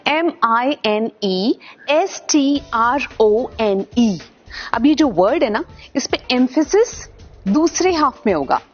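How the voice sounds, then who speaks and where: Indian woman, high voice, playful pronunciation teacher, spells words letter by letter, slightly dull sound. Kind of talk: casual teaching lesson.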